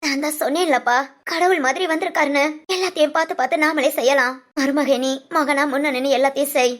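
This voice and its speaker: A woman voicing a motherly older aunt in a cartoon family drama, speaking gratefully and warmly. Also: high voice, steady tone, fast.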